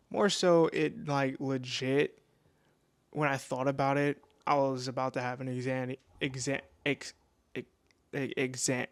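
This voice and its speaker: A man's voice: mid-range voice, dry recording. A nineteen-year-old man telling a casual storytime into his microphone at home, rambling with lots of restarts and slang. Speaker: vlogger. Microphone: new desk microphone.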